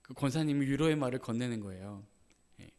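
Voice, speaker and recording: Pastor with a lively voice, echoing sanctuary. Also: male voice, mid-range voice, brisk. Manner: conversational, with affirming "예" asides, acting out quoted lines. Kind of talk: sermon. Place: church sanctuary. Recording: reverberant church sanctuary.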